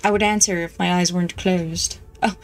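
A woman streams a game and talks to herself in a chatty, wry, casual way. Her voice is on the low side with fairly even intonation at a moderate pace, and the recording is rough.

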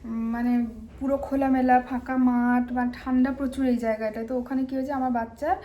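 A young woman vlogging casually to camera at her family home, chatting in a confiding way and sometimes dropping her voice low. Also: level tone, a little fast, dull audio.

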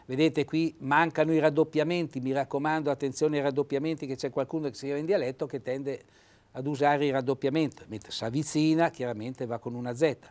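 A man's voice: medium pitch, fairly even intonation, fairly quick, darkish tone. A man in his sixties with a Trentino accent, reading out Italian dialect phrases and explaining them as an informal lesson in a studio. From Trentino, Italy. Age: 60s. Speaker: host and dialect teacher. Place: small TV studio. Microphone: lapel mic.

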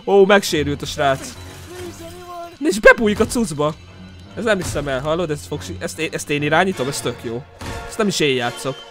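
A young man streaming a horror game live, commenting loudly and excitedly, often shouting at the screen. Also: fairly high pitch, soft background music. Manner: loud, jumpy, shouting at the screen. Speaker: gaming streamer.

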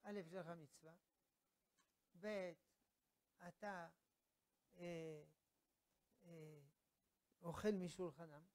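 A man, a rabbi, teaches a religious lesson with plenty of humor. His voice is high, and he talks conversationally, slipping into little acted-out scenes. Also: fairly even intonation, long pauses, a little mellow, poor audio.

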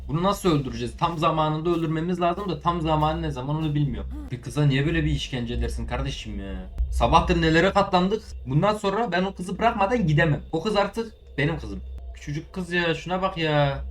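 Teen male gaming commentator, chatty and excitable, talks to his viewers, game music underneath. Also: on the high side, brisk. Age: late teens. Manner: excitable, swears, shouts at the game. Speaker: gaming YouTuber. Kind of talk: let's play commentary.

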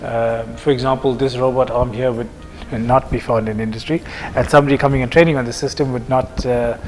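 A man in his thirties from South Africa, a project manager answering interview questions in a measured way, with examples and frequent fillers, seated on a sofa and wearing a lapel mic. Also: medium pitch, fairly even intonation, a little mellow, big-room sound, soft background music. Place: office lounge, seated on a sofa.

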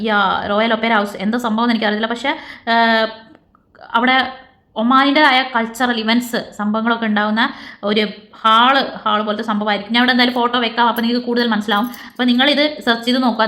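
A woman's voice: on the high side, fairly bright tone. A woman vlogger talking casually to her viewers, chatty and repetitive, with lots of fillers and restarts. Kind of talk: casual direct-to-camera vlog chat.

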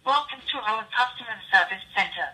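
A woman giving a recorded phone-system announcement in a crisp, even announcer delivery, heard over a phone line. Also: a little high, a little fast. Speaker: automated phone menu prompt.

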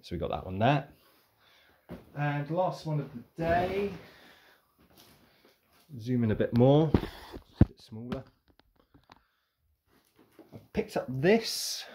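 A man's voice: medium pitch, big pitch swings, takes it slowly, long pauses, dark tone, slight background noise. A young man chatting casually about his bargain finds, rambling and thinking aloud. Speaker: vlogger reviewing car boot sale finds. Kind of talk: casual show-and-tell.

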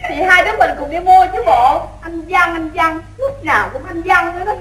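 An actress playing an obedient young rural daughter with a Southern Vietnamese accent in an old radio play, answering in short, dutiful replies. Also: female voice, extremely high pitch, normal speed, a bit bright, echoey room, a little hiss or hum.

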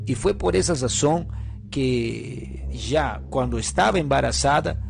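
A man's voice: mid-range voice, lively intonation, a little slow, vocal fry, over music. A man telling a first-person story, hesitant and full of fillers.

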